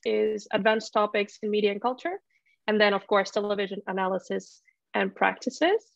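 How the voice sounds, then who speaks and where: Young woman with a flat, gravelly voice. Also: mid-range voice, moderate pace, dry recording. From Finland. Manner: hesitant, many ums and restarts. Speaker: student presenter. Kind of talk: casual presentation on a video call. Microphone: laptop mic on video call. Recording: dull, lo-fi video call audio.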